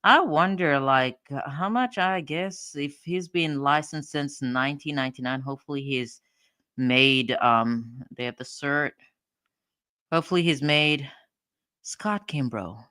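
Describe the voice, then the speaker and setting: A woman's voice: deep voice, unhurried, a bit bright, dry recording, clean studio sound. A woman hosting a livestream, giving casual commentary on court documents as she thinks aloud and repeats her phrases. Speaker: livestream host.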